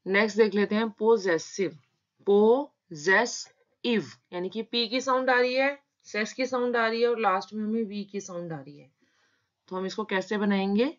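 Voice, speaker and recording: A woman teaching shorthand in a tutorial, patiently breaking words into their sounds. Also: medium pitch. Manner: slow, patient, spelling out sounds. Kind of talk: step-by-step tutorial explanation. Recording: dull lo-fi sound.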